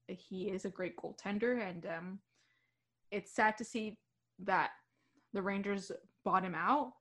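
A woman's voice: mid-range voice, fairly bright tone. Chatty young woman co-hosting hockey talk. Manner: chatty, giggly, with fillers and restarts. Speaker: radio show co-host. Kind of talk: casual sports chat.

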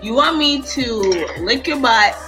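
A woman's voice: sits high, measured pace, over music. A woman guest on a casual chat show, talking bluntly and animatedly in slangy speech.

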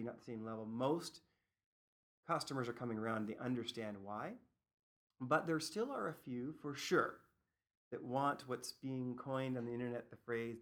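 Brief: Canadian man, product manager being interviewed, lively storyteller, middle pitch. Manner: animated storyteller, acts out other people's lines. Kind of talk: interview answers.

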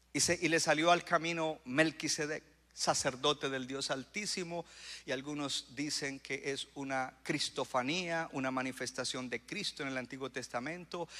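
Male pastor, sermon delivery, bright ringing tone with emphatic swells; long reverb of a church hall. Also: on the high side. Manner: preaching with rising bursts of emphasis and audience call-outs.

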